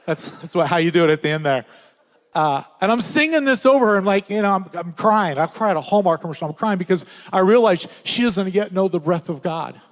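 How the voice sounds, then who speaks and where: An older man preaching at a conference, swinging from loud urgent passages to hushed, almost whispered ones. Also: sits high, animated, a little fast. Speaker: pastor. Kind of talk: conference sermon. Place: large hall at a conference. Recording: reverberant hall.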